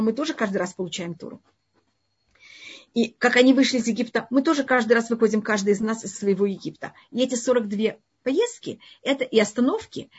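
A woman's voice: on the high side, husky. A woman speaking as a non-native with a foreign accent, teaching a live online religious lesson, emphatically repeating and rephrasing her points. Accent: foreign, non-native Russian. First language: not Russian. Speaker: religious teacher answering audience questions. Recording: dull, lo-fi online stream audio.

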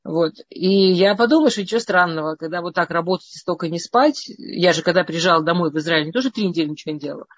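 Husky-voiced middle-aged woman telling her story. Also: fairly low pitch, no room sound, lo-fi sound. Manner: meandering, with frequent restarts and stammered words. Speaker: interviewee sharing her life story. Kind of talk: casual personal storytelling.

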